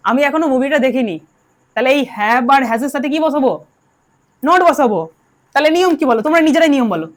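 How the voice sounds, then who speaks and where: A woman teaching English grammar to a class, drilling her students and telling them to answer aloud. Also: high-pitched. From Bengal. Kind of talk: classroom lesson.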